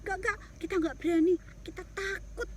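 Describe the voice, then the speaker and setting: A woman voicing frightened male soldiers who protest in hurried, fearful words in a bedtime story. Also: extremely high pitch, fairly even intonation, a little mellow, a little hiss or hum. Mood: afraid.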